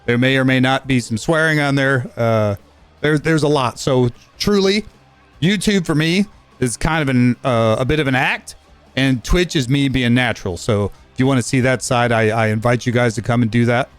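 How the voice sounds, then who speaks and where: A man in his fifties with a smooth, mid-range voice gives a rambling, casual update on his gaming channel. He talks fast, full of fillers and restarts, with faint music playing behind him.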